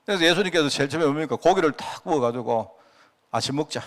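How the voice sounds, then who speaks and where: Male pastor, Gyeongsang Korean accent, middle-aged, chatty storytelling sermon, somewhat high voice. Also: animated, very fast. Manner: chatty storytelling with frequent asides to the congregation. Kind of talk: conversational Friday prayer-meeting sermon.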